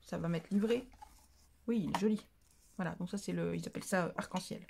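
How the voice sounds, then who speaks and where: A woman's voice: fairly low pitch, brisk, creaky, a little mellow, husky. A woman chatting casually in a craft haul vlog, rambling with fillers and making fun of herself. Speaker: craft vlogger.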